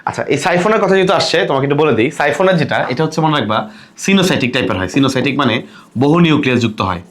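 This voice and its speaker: A man's voice: medium pitch, lively intonation, very fast, a bit bright. A young man tutoring biology for exams, asking questions and repeating the answers to drill them. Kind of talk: exam-prep lecture.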